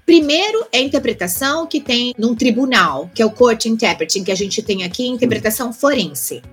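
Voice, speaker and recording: A Brazilian woman with a somewhat high, husky voice chats as an interview guest. She strings thoughts into loose lists and often restarts mid-sentence. Soft music plays faintly behind her. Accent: Brazilian Portuguese. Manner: chatty, trails off into restarts and lists. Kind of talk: casual interview chat.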